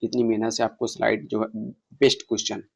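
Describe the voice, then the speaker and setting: A man teaching an online exam-prep lesson, reading passage lines slowly and explaining them, asking his students questions. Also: fairly low pitch, flat delivery, creaky. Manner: reads English passages slowly, explains in Hindi, quizzes viewers. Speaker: English exam tutor.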